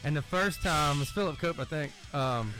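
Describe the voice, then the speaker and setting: A man in his forties hosting a casual chat, loud, joking and swearing freely. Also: a little high, animated, normal speed, soft background music. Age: 40s. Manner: profane, boisterous, jokey. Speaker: podcast host.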